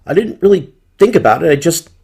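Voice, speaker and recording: A woman's voice: deep voice, expressive, fast talker, darkish tone, breathy edge, exaggerated voice. A woman voicing a frightened young man in a horror story, stammering and panicked. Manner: stuttering, panicked. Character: frightened young man confronting his killer ex.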